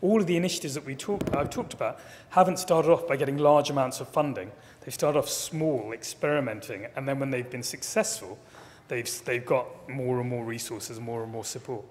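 A man's voice: mid-range voice, moderate pace, a little hiss or hum. Man answering questions in a hall. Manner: thoughtful, repeats words as he builds points. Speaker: keynote speaker. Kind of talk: conference Q&A answers. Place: large conference hall, at a lectern. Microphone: lectern microphone. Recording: long reverb of a hall.

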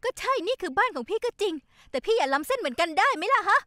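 A woman's voice: extremely high pitch, big pitch swings, rapid-fire, bright, forceful tone, no room sound, studio quality, full character voice. A woman voicing an earnest, kind young heroine in a dubbed TV drama, polite and pleading. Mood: reproachful.

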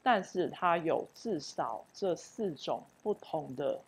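A woman with a Taiwanese Mandarin accent gives a university linguistics lecture in a low, husky voice. She explains step by step and drags out example words to show how they sound. She often fills pauses with "oh". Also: animated. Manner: explanatory, repeats example words slowly, frequent filler "oh".

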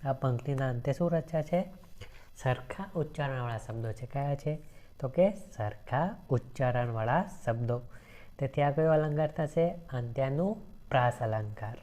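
Very low-voiced, dark-toned woman teacher. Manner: asks questions and answers them herself, repeats lines slowly. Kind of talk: grammar lesson for exam preparation.

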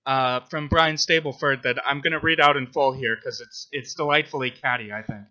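A man's voice: mid-range voice, steady tone, fairly quick, pushed and bright, highs cut off. A man hosting a podcast, talking casually with many ums and uhs and reading passages aloud. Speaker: podcast host.

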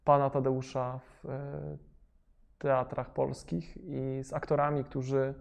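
A young man, a rapper, talking casually in an interview, hesitant with many fillers and restarts but lively when he gets going. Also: medium pitch, slow, gravelly. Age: young adult.

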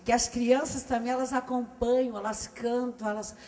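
A woman from Brazil, a singer guest chatting warmly into a handheld microphone. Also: a little high, steady tone, moderate pace. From southern Brazil.

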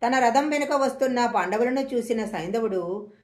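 A woman storyteller slowly reading an old mythological story aloud in a measured way, recorded in an echoey room. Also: fairly high pitch, a little mellow.

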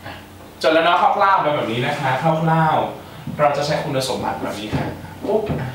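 A man's voice: fairly high pitch, expressive, normal speed, a bit bright. Young male student tutor, playful and talkative; distant mic in a roomy space. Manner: playful, chatty, joking asides to students. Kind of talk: exam-prep math lecture. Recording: echoey room, mic far off, faint hiss.

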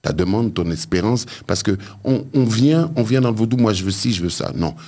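Man, very low voice, husky, vodou priest, studio interview, emphatic. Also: lively intonation, a little fast, dark tone. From France. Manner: emphatic, repeats key words. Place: radio studio. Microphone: studio mic with headphones.

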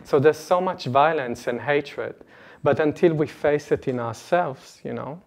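A man gives an earnest, animated personal talk to a retreat audience, speaking into a lapel mic in an indoor meeting room. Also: a little high, a little slow, gravelly. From Israel. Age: late 20s. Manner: earnest, animated, gestures broadly, laughs between points.

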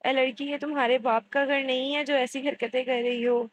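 A woman reading the lines of a scornful, haughty middle-aged aunt, disdainful and sharp, in a storybook reading. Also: sits high, level tone, slight background noise, close to an everyday voice, low-quality recording.

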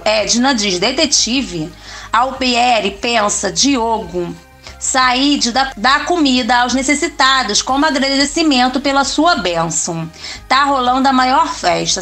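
A woman's voice: high voice, a bit bright. A woman with a Brazilian Portuguese accent narrating a soap opera recap in plain storytelling, reading out the characters' lines in her own voice.

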